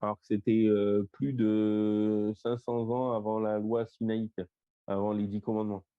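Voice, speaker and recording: A man with a lowish voice and a clean tone teaches an online Bible study, delivering flatly as he works slowly, point by point, through a list of word meanings. His speech is full of little fillers. He uses a voice-call microphone, and the audio is dull and lo-fi.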